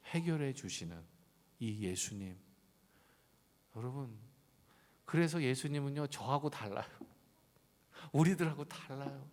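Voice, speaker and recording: A man preaches a sermon in a church sanctuary, acting out dialogue and climbing to loud emphasis. His pitch swings widely, and the voice carries a long reverb from the hall. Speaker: pastor.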